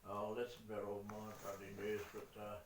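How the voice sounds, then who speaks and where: An old man with a New Zealand accent spins a rambling yarn, dropping mild curses as he goes. His voice sits low. The recording is echoey and distant, with a faint hiss underneath. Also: completely flat delivery, normal speed. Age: older. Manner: salty, peppers speech with mild swearing. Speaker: great-grandfather telling family stories. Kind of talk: rambling casual storytelling. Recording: echoey room, far from the mic, faint noise.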